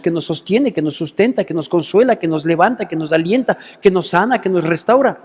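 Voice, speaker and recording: A male pastor preaches with animated energy, his high voice swooping widely as he throws out rhetorical questions. The sermon echoes through a long church reverb. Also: slightly rough. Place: church hall.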